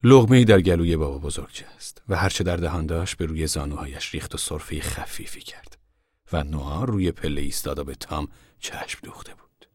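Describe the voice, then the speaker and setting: A man reading a novel aloud as an audiobook narrator in a measured, even way. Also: extremely low pitch, slightly rough, dry recording, clean studio sound. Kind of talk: scripted narration.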